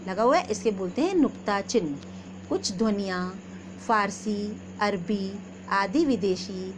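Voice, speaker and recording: A woman teacher explains grammar to young pupils at a very slow, deliberate pace. She asks a question and then answers it herself, addressing the children kindly. A steady hiss of noise sits under the recording. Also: medium pitch. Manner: slow, patient, repeats questions and answers, calls pupils "beta". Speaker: school teacher. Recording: noisy background hiss.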